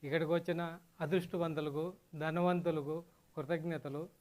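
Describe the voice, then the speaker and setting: Brief: man, higher pitch, measured testimonial at a seminar. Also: flat delivery, heavy background noise. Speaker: seminar participant giving a testimonial.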